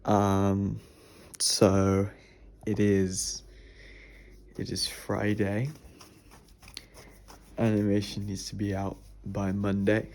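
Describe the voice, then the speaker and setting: A man's voice: on the low side, completely flat delivery, extremely slow, creaky, long pauses, a little mellow, a little hiss or hum. A man animating at his computer, talking to himself in a rambling, fretful way with many restarts. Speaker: animator and video creator. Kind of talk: casual self-talk while working.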